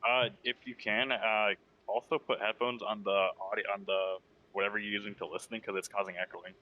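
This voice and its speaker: Male tabletop player, lowish flat voice, matter-of-fact. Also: fairly quick, muffled recording, a little hiss or hum.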